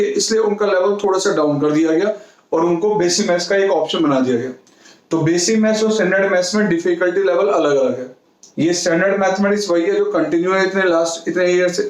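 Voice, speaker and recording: A man teaches a class with a fairly high voice, mixing terms into his explanation. He lays out each point patiently and repeats the important ones. The sound carries a clear room echo. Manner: explains step by step, repeats key points, calls students "beta". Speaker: maths teacher. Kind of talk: classroom lecture. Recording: echoey room.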